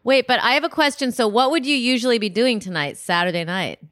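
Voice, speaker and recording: A woman's voice: fairly high pitch, fast, a bit bright, dry recording, studio quality. An American woman chatting casually as a podcast co-host, with a teasing, blunt manner. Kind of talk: casual chat.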